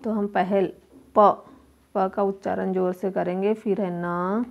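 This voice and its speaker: A woman's voice: medium pitch, steady tone, a little slow, vocal fry, highs cut off. A woman teacher, patiently walking young children through a workbook and sounding out each letter aloud. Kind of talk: primary school lesson walkthrough.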